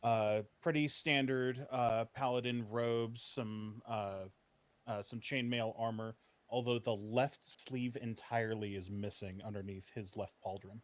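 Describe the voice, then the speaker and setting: Unhurried male player, mid-pitched, casual and filler-laden. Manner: relaxed, many uhs. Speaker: tabletop game player. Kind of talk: casual chat describing a character.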